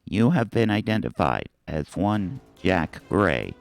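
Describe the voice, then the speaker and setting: A man's voice: low voice, big pitch swings, slow pace, vocal fry, faint music behind, voice pushed down, full character voice. A man voicing a group of android security units, speaking in a robotic, commanding, emotionless way.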